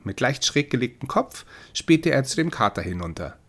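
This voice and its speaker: A man reading a storybook aloud in a measured, expressive narration. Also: medium pitch.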